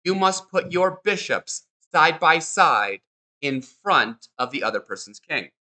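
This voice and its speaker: A man teaching a chess lesson over a board demonstration, with a very bright, forceful, tense voice that sits a bit high. He talks in an upbeat, encouraging way and keeps repeating short instructions as he moves the pieces. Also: big pitch swings, measured pace.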